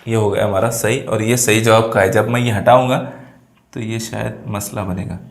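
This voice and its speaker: A man's voice: lowish voice, steady tone, normal speed, creaky. Echoey teacher, man, step-by-step explanations. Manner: explains step by step, keeps checking understanding. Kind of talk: exam prep lesson. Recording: echoey room sound.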